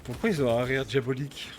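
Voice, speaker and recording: A man's voice: a little high, normal speed, a little hiss or hum. A man giving casual, slangy gameplay commentary in an informal manner. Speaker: gamer commenting on own play.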